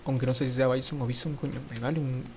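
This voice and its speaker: Excitable man narrating his gameplay. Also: mid-range voice, quick pace, a little hiss or hum. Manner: excitable, swears, bursts into panicked shouts. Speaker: mobile game streamer. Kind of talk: live gameplay commentary.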